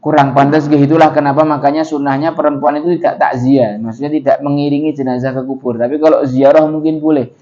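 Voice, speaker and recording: A man giving a lively storytelling sermon in a mosque, asking the congregation questions. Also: on the high side, quick pace, few pauses, dull audio. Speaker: preacher.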